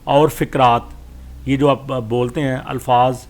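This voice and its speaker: A man with a Pakistani accent giving a study lesson. He reads English lines slowly and explains them, pausing often with fillers. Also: medium pitch, flat delivery. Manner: slow, deliberate reading with hesitant fillers. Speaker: lecturer.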